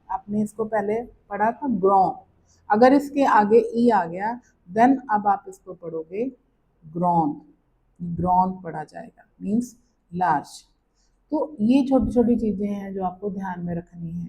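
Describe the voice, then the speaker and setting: A woman's voice: medium pitch, mellow, rough recording. A woman teaching pronunciation rules in a patient, repetitive way, restating each point and checking in with her learners. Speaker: language teacher. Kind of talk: slow classroom-style explanation.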